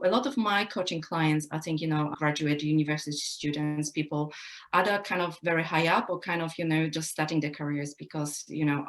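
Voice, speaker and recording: A woman from Poland, a personal development coach, talking reflectively in an interview with many "you know" fillers. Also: deep voice. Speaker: guest coach. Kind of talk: casual interview talk.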